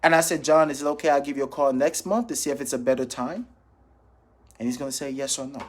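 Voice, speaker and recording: At a quick pace and mid-range pitch, a man from Jamaica, a financial professional who coaches sales calls, gives an informal motivational training talk with role-played phone examples. He is emphatic, repeats key phrases, and checks in with his listeners.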